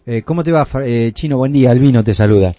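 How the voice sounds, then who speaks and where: A man's voice: mid-range voice, fast talker, dark tone, dry recording, soft background music. A man with an Argentine accent hosting a radio show, asking questions in a loose, conversational way with fillers. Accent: Argentine Spanish. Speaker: radio host. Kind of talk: radio interview.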